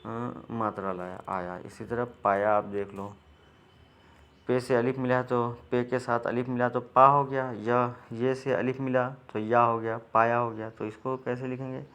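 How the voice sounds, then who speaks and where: A man's voice: medium pitch, level tone, fairly bright tone, clear, resonant tone. A man, teaching a reading lesson step by step in a patient, repetitive way. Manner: patient, repetitive, frequent restarts.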